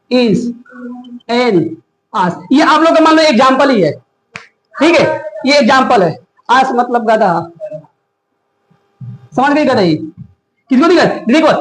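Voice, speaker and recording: Animated high-voiced man teaching a class. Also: slow pace, long pauses, roomy sound, a little hiss or hum, low-quality recording. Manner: questions the class often, animated. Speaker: English grammar teacher. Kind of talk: classroom lecture.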